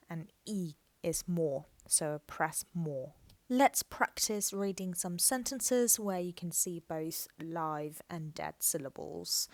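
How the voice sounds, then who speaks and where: A woman's voice: on the low side, darkish tone, no echo. A woman teaching a language lesson, patiently explaining step by step and repeating words for practice. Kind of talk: slow, careful lesson narration.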